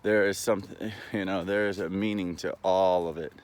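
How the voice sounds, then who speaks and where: A man with a low-sitting, steady voice delivers a casual, rambling vlog monologue. He comes across as halting but earnest and opinionated.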